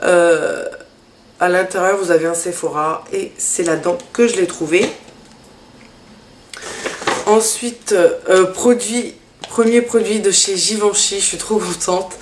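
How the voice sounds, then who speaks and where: A woman's voice: lowish voice, steady tone, unhurried, echoey room, slight background noise. A woman vlogger chatting casually through a makeup haul, hesitant, with many fillers. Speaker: beauty vlogger.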